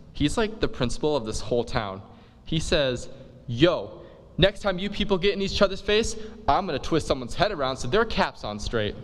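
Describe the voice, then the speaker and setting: A man delivers a comic monologue in relaxed dude slang, peppering it with "like". His voice sits at an ordinary middle pitch. A long reverb follows his words, as in a big hall. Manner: laid-back slangy dude talk with many "like"s. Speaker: comic performer. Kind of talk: comic monologue retelling a play.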